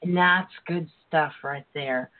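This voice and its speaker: A woman hosting a flirty, casual online radio talk show, sultry and playful with drawn-out endearments. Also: sits low. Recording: muffled narrow-band internet radio phone line.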